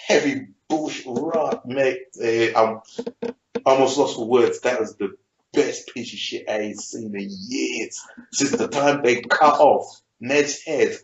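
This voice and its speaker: A man with a South London accent, hosting a casual TV review and retelling scenes in an animated, sweary, slang-heavy way. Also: mid-range voice, slow, a little hiss or hum. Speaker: TV review show host. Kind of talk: casual TV recap chat. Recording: roomy dull lo-fi room sound.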